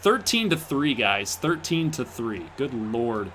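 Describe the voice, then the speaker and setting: Streaming a simulated basketball game, this commentator from Michigan, USA talks to his live chat, cracks jokes and gets worked up over big plays. He speaks slowly in a mid-range, somewhat nasal voice with a Michigan accent.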